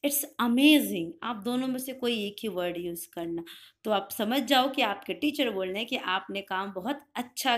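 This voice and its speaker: A woman's voice: fairly high pitch, fairly bright tone. Woman teacher drilling phrases for children. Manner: slow, drilled repetition of English phrases with frequent "clear?" checks. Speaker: English teacher. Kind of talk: spoken English lesson for children.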